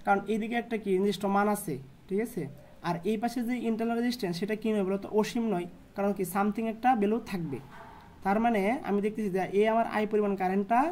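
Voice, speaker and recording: A woman tutoring electronics at a board, asking questions and answering them herself in a lower voice. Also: darkish tone, slight background noise. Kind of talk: whiteboard lesson.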